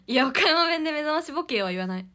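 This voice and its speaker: A woman's voice: high-pitched, sharp tone. A young woman hosting a casual idol livestream, giggly and chatty as she reads out viewer comments.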